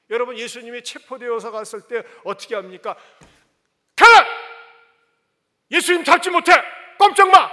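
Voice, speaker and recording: A male pastor preaching a sermon in a church, animated and acting out scenes as he talks. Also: high voice. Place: church sanctuary. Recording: church hall reverb.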